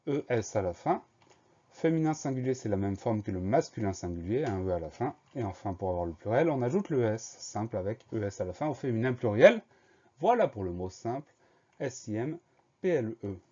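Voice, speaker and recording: A man leads a children's spelling lesson in a steady, patient tone. His voice is mellow and relaxed, and he spells each word out letter by letter. The recording sounds a little dull and lo-fi. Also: mid-range voice. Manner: slow, careful, spells words out letter by letter. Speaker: primary school teacher.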